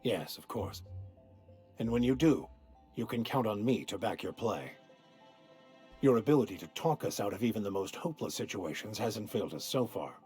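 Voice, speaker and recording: Low calm game companion, measured and thoughtful, faint music behind. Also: male voice, slightly rough. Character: calm, earnest male companion who lost his faith. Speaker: companion character in a video game.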